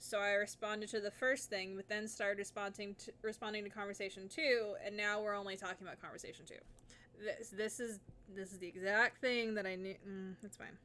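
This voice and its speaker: A woman chatting casually with friends while streaming a game, talkative and quick to laugh. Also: mid-range voice, level tone, bright, forceful tone, a little hiss or hum.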